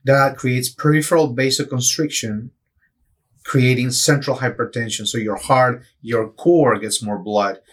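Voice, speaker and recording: A man's voice: medium pitch, fairly even intonation, a little slow. A middle-aged man from Peru, a neurosurgeon guest in an interview, explaining things earnestly with frequent restarts. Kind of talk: interview answers.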